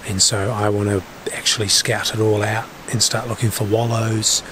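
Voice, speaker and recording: Low-pitched Kiwi man, noisy outdoors. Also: level tone, moderate pace. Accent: New Zealand. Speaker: solo hunting vlogger. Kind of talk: casual outdoor vlog talk to camera. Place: outdoors in bush and hilltops.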